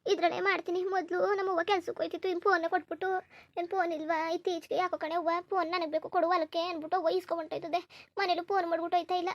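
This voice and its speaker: A very high, gravelly voice of a young village sweetheart in a cartoon, as a woman puts her on. She talks fast and anxiously, pleading in a rural Kannada accent. Her worried words tumble out quickly. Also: little pitch movement, no room sound. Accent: rural Karnataka Kannada. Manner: pleading, worried, speaks of family fears. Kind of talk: cartoon voice acting.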